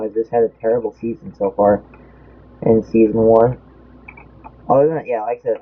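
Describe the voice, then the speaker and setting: Over tinny, phone-like audio, a young man with a medium-pitched, breathy-edged voice casually comments on a race. He rambles and loses track of his count mid-sentence, and his voice feels a bit off.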